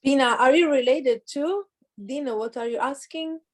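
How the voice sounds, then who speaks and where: High-voiced woman hosting casual chat. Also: unhurried. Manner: chatty, laughs often. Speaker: host and interpreter, genealogy researcher. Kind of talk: casual bilingual chat, interpreting.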